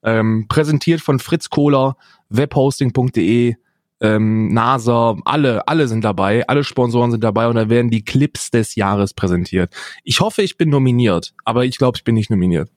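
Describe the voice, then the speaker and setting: A man's voice: medium pitch, moderate pace, no echo, clean studio sound. A man co-hosting a casual podcast, joking around and mimicking other people's voices. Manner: jokey, mimics voices and accents. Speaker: podcast co-host. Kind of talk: casual banter.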